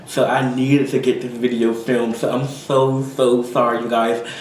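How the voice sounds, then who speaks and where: Young male vlogger, worn out and rambling, mid-pitch, roomy far-off sound with faint hiss. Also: little pitch movement, measured pace, a little mellow. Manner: rambling, apologetic, many fillers. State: tired, full from eating. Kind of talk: casual chat to camera.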